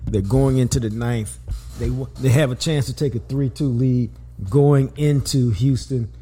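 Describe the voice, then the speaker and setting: A man hosting a podcast, talking sports in an animated, slangy way and repeating words for emphasis. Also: mid-range voice, unhurried, husky. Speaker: podcast host. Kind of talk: casual sports talk.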